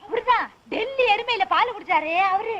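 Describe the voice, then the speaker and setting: A woman's voice: extremely high pitch, lively intonation, moderate pace, pushed and bright, highs cut off, slight background noise, heavily acted. An actress playing a naive, spirited young village woman in a film comedy scene.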